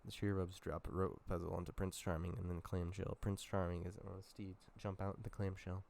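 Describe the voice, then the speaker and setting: A man with a sore throat reads a film script aloud in a casual run-through, tossing in short asides and tripping over words now and then. His voice is deep and stays very flat. A faint hiss runs under the recording. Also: fairly quick, vocal fry. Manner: plain reading with asides and stumbles. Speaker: YouTuber reading a film script.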